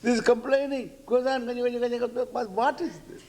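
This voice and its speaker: A man's voice: very high-pitched, steady tone, creaky, a little mellow. A man with an Indian accent giving a spiritual discourse as a teacher, playful, repeating phrases and acting out questioners. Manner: halting, repeating phrases for emphasis.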